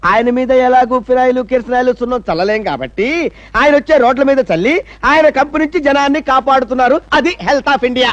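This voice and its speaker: A sarcastic comic ranter who mocks officials. His voice is very high and quick. The sound is dull and lo-fi, as on an old film track. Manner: sarcastic ranting, mixing in English tags. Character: loud sarcastic comic man mocking officials.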